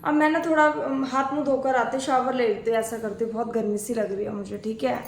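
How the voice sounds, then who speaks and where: A woman's voice: on the high side, fairly even intonation, fast talker, a little hiss or hum, natural voice. A woman playing a demanding, bossy married sister-in-law who complains and gives orders, in a homemade family skit. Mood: complaining. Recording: echoey room.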